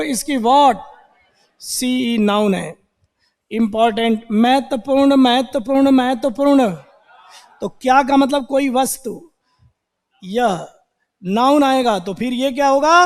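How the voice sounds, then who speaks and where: A man with a very high voice teaches an English grammar class at an unhurried, deliberate pace. He drills words by repeating them several times, then asks his own questions and answers them. His voice rings with the long reverb of a big hall.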